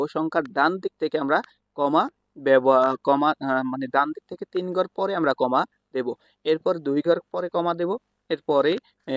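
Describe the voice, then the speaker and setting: A man's voice: on the high side, no echo, muffled recording. A man teaching a school math lesson, explaining step by step with frequent fillers and self-corrections. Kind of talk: explaining a lesson while writing on a board.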